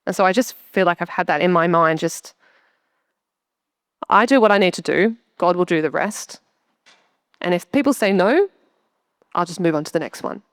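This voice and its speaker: A woman's voice: on the low side, animated, moderate pace, pauses often, no echo, studio quality. A young woman sharing a heartfelt testimony in a church interview, chatty and earnest. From Australia. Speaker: church member interviewed on stage.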